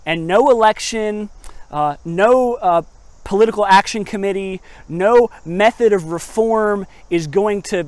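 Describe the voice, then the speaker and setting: A man's voice: high-pitched, measured pace, no echo. A man preaching a casual, conversational sermon, asking rhetorical questions and poking fun at himself. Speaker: pastor. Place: on location at a chapel.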